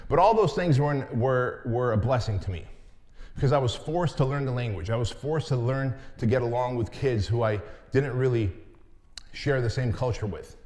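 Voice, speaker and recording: A man in his forties, working as a motivational speaker, tells his life story in a candid, conversational way. His mid-range voice has a darkish tone and moves at a moderate pace, with long hall reverb around it.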